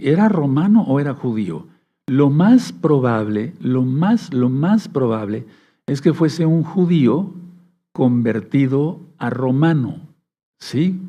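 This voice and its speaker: A man preaching a Bible study sermon, reading verses aloud slowly and often checking that his listeners follow along. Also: mid-range voice, mellow. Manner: reads scripture aloud slowly. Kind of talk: sermon teaching.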